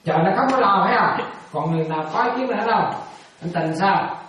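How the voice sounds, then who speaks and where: A woman's voice: mid-range voice, expressive, fast, fairly bright tone. A woman giving a Buddhist dharma talk, casually quizzing her listeners again and again and chuckling as she goes. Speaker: Buddhist teacher. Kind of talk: dharma talk with questions to students. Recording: very echoey room, mic at a distance.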